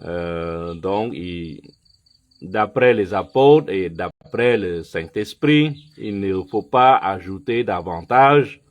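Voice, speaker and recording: In a low-pitched voice, a male preacher gives a sermon and Bible lesson in French, which isn't his native language, and he makes some slips. His delivery is deliberate, full of pauses and fillers, and he regularly checks in with the audience by asking "ok?"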